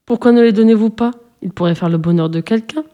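Storybook girl, read by a woman: earnest, sincere, mellow voice. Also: mid-range voice, fast, natural voice. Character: young girl, earnest and kind-hearted.

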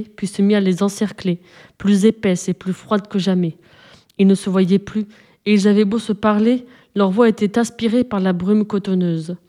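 A woman reads a fairy tale aloud in an expressive, dramatic storybook voice. Her tone is mellow and warm. The pitch sits in a middle range. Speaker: narrator. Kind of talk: storybook narration.

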